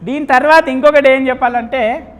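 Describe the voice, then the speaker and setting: A man's voice: very high-pitched, steady tone, moderate pace, highs cut off. A man leading a real estate sales training seminar, quizzing the audience and acting out little dialogues as he teaches. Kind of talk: live training seminar lecture. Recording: long hall reverb.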